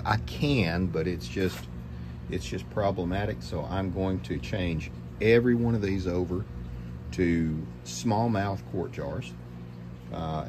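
A man's voice: low voice, noisy background. A middle-aged man hosting a homestead vlog, chatting casually and rambling through self-corrections in a basement pantry, filmed on a handheld phone. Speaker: homestead vlogger. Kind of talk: casual chat. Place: large basement pantry with storage shelves. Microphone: phone camera held at arm's length.

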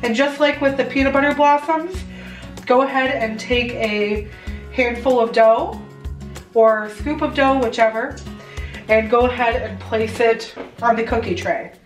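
With faint music in the background, a young adult American woman takes a little slow approach to explaining a recipe, her voice on the high side. As a home baking vlogger, she keeps things chatty and instructive, going step by step. The recording picks up the roomy echo of her home kitchen indoors.

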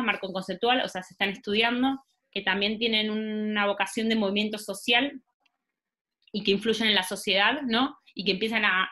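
A thirtysomething woman with an Argentine Spanish accent runs an online workshop over a video call, picked up by her laptop mic. Her mid-range voice sounds pushed and bright as she thinks aloud, full of fillers and restarts.

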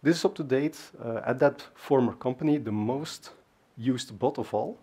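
His voice is mid-range and warm with a breathy edge, moving at a moderate pace, as this native Dutch speaker gives a casual technical talk at a conference. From a large dark stage, he chats along with many fillers and asides.

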